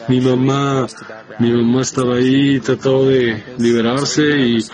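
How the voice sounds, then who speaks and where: A man giving a spoken testimony in a halting, hesitant way, breaking off and restarting his sentences. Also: medium pitch, flat delivery, a little mellow. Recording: dull lo-fi sound.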